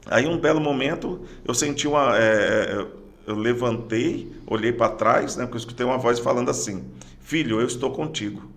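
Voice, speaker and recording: A middle-aged Brazilian man with a gravelly, fry-tinged voice at an ordinary male pitch. He speaks as a guest in a casual conversation, telling his own story in a halting manner, with frequent restarts and repeated words. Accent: Brazilian Portuguese. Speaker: podcast guest, police sergeant. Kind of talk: personal testimony in casual conversation.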